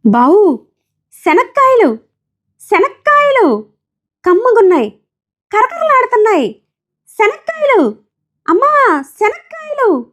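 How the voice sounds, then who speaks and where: A woman's voice: extremely high pitch, sing-song, slow, pauses often, pitched above the performer's own voice, heavily acted. A woman doing a weary peanut-selling village woman. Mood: hawking cries. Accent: coastal Andhra village dialect. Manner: shouting street-vendor calls, weary dialect speech.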